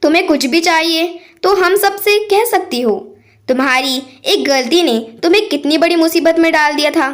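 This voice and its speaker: A woman voicing a gentle, forgiving young daughter-in-law in a storybook tale. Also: extremely high pitch, moderate pace. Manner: soft, forgiving.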